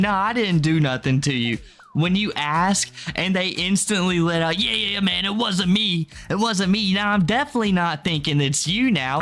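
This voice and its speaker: A man's voice: sits high, fairly bright tone. A man reacting as a streamer, with casual, amused, mocking commentary that slips into acted-out quotes.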